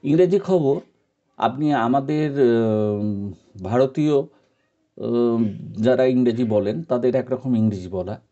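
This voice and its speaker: Patient Indian man with a very dark voice. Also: mid-range voice. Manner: patient, repetitive, encouraging, with many pauses and fillers. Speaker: teacher giving advice. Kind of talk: informal spoken lesson. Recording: dull lo-fi recording.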